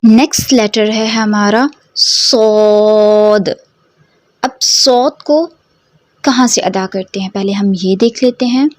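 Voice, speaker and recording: A woman's voice: fairly high pitch, no echo. A woman teaching Quran letter pronunciation. She explains step by step, asks her students questions and draws out each model sound for them to repeat. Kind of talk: slow, careful pronunciation lesson.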